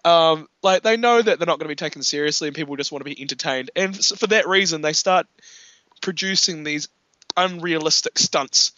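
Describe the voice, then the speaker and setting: A man in casual film chat, animated, laughing often and acting out quotes. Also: a little high, fairly quick, no echo, muffled recording.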